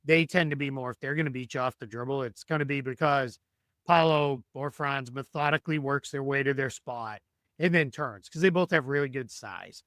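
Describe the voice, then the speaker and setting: A man's voice: mid-range voice, normal speed, a bit bright, no echo. Man losing his voice, dry close mic. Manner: thinking aloud with many restarts and ums. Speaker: guest analyst. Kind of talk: podcast sports analysis.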